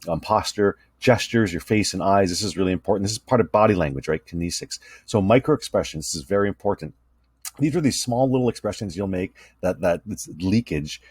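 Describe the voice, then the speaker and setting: A man's voice: sits low, lively intonation, brisk, breathy edge, no room sound. A man teaching a recorded lecture over slides, talking conversationally and often checking in with "right?". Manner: conversational, tag questions "right?" and fillers. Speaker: communication instructor.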